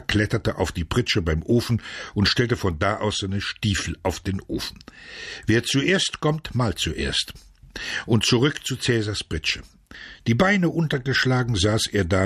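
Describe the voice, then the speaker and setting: A man reading a novel aloud as scripted narration, measured and steady, switching to loud shouts for quoted lines. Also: fairly low pitch, breathy edge, dry recording, studio quality. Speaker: audiobook narrator.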